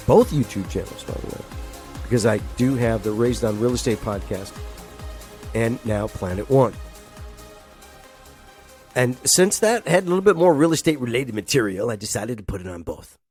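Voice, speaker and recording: This solo podcast host has a lowish, darkish voice and sounds stuffed up with a head cold. He rambles casually, laughs frequently and plays out phone calls himself.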